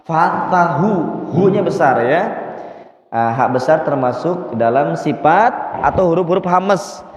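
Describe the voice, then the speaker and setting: Patient recitation teacher, a man with a high voice who drills sounds slowly, heard with a reverberant hall. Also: lively intonation. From Indonesia. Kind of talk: Quran recitation lesson.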